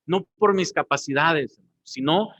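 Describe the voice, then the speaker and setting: A man's voice: fairly high pitch, measured pace, a bit bright, no room sound. A man preaching a sermon as pastor, often calling his listeners brothers. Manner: preaching, addressing the congregation as brothers.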